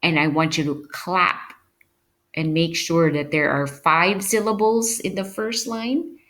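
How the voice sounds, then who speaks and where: A woman's voice: on the low side, steady tone, slow, a bit bright. A woman teacher explaining a lesson to her students, patient, and often checking in with "okay?". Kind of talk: recorded online class lesson.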